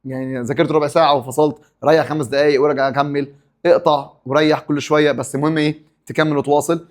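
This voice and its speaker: A man's voice: on the high side, level tone, fast. A man with an Egyptian Arabic accent teaching an English exam review, asking and answering his own questions and stopping for pep talks.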